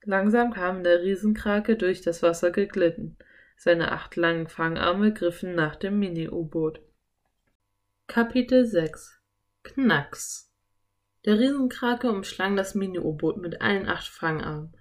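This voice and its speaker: Low-voiced woman reading a storybook. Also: unhurried. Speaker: audiobook narrator. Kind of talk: children's storybook narration.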